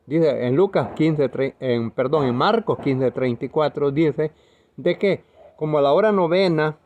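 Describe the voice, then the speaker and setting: A man's voice: a little high, unhurried, darkish tone, slight background noise. Earnest preaching man, lo-fi audio. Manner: earnest, emphatic preaching with slips and self-corrections. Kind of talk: video sermon.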